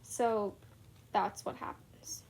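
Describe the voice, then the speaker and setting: A woman's voice: mid-range voice, fairly even intonation, takes it slowly, creaky, darkish tone, slight background noise. A young woman casually retelling a book's plot, chatty and full of "like" fillers. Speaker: book reviewer. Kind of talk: casual book recap.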